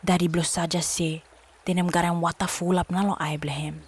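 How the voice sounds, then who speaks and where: A woman's voice: on the low side, little pitch movement, a little fast, breathy edge. A woman with a Solomon Islands accent narrating a storybook expressively in Solomon Islands Pidgin.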